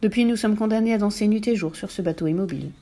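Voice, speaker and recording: A sad ghost princess tells her tale in a soft, sorrowful voice, as a woman reading a storybook puts her on. It sits a little above the reader's own pitch and stays mellow. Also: quick pace, close to an everyday voice.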